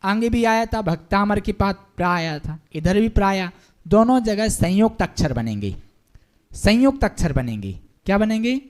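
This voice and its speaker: A man's voice: sits high, sing-song. A man teaching a Hindi-language devotional class, patiently drilling pronunciation by stretching out syllables and having the class repeat them. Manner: slow, drawn-out syllable drilling, patient and encouraging. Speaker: Jain monk teaching a class. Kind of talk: pronunciation lesson, call and repeat.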